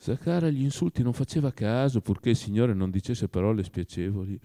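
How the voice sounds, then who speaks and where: A man narrating a classic novel as an audiobook, with expressive storytelling. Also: on the low side, fairly quick.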